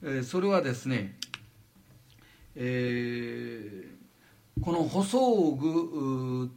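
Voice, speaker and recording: An older man from Japan giving a lecture, halting with frequent fillers and lively asides. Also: mid-range voice, creaky. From Wajima, Noto Peninsula, Japan.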